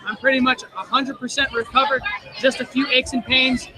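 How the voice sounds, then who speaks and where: Crowd noise from a live wrestling show surrounds a man in his twenties, an injured wrestler giving a casual interview in earnest, confident, plain speech. He talks at normal speed in a very high-pitched voice with a level tone.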